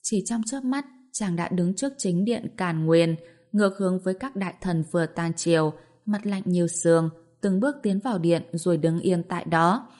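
A woman narrating a fantasy novel aloud in an even, storytelling manner. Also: fairly low pitch, normal speed. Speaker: audiobook narrator.

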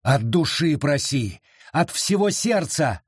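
Brief: man reading an urgent forest beast spirit from a storybook, husky and barking orders. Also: on the high side, sing-song, slow pace, dry recording, clean studio sound, heavily acted. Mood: demanding. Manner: urgent, insistent, bellowing orders. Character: wild male forest beast spirit, commanding.

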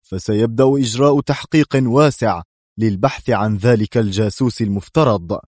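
A man's voice: on the low side, a little fast, darkish tone, no room sound, clean studio sound, close to an everyday voice. A man voicing a stern, commanding male defense secretary who speaks curtly and severely in an audiobook thriller. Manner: curt and severe.

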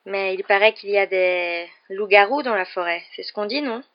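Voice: medium pitch, moderate pace, natural voice. A reader voicing a blunt, hot-tempered schoolboy who talks in an agitated way, in a dull lo-fi recording. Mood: nervous. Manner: agitated, outspoken. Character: hot-tempered boy pupil, loyal and blunt.

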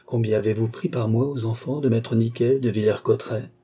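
A man reading as an earnest young gentleman. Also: mid-range voice, fairly even intonation, brisk, husky, lightly acted. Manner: courteous, earnest.

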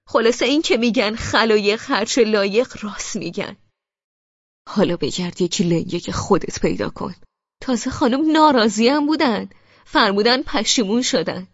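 Audiobook: woman doing enraged young brother, sarcastic shouting, raised voice, dry dull studio sound. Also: a little high, no room sound, voice pushed up. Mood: furious scolding. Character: furious young man berating his sister.

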